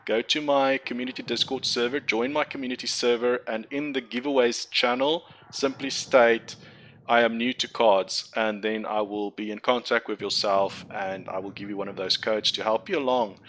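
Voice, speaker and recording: A young gaming content creator, whose first language is Afrikaans, gives casual tutorial commentary while building a card game deck, rambling and correcting himself like a chatty explainer. His voice is medium-pitched and a bit bright, with fairly even intonation and a moderate pace. The recording quality is low.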